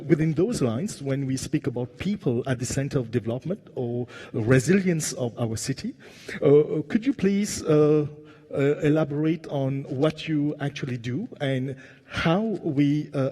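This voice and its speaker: A man from Mauritius moderating a conference panel, halting with many fillers and asking the audience questions. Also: medium pitch, warm tone, slightly rough. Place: large conference hall. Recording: long reverb of a conference hall.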